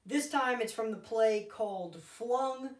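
A man in his twenties with an American accent giving a loud, upbeat, projected introduction to camera. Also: extremely high pitch, slow, far from the mic. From Long Island, New York. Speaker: actor introducing his video. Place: small room indoors, on a couch. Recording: roomy indoor echo.

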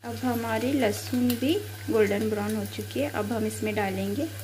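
A middle-aged woman with a fairly high voice talks through a recipe step by step. Her delivery is steady and plain, and she often repeats a step as she goes. The phone recording picks up a lot of kitchen noise and sizzling from the stove. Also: normal speed. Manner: steady instructional, repeats steps. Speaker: home cook vlogger. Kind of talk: step-by-step cooking narration. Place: home kitchen at a gas stove. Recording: noisy home kitchen recording.

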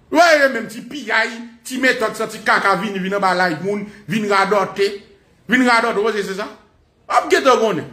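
A man with a Haitian accent delivers a crude, mocking rant as a radio commentator, chuckling through his lines and sliding between Creole and French. His voice sits high and rings bright. The sound carries a roomy echo.

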